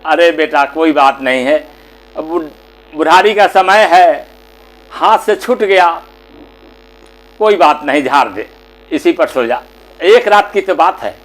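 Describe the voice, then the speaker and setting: A man doing a frail, soft-pleading old mother. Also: high-pitched, lively intonation, slow pace, pauses often, exaggerated voice, low-quality recording. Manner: soft, coaxing and gently insistent.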